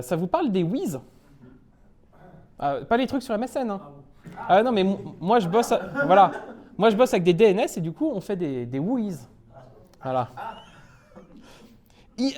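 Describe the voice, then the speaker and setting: Playful French tech speaker with a mellow voice. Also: male voice, high voice. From France. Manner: playful, self-mocking, chuckles often. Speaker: conference speaker. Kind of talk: humorous tech talk to a live audience. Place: meetup talk room.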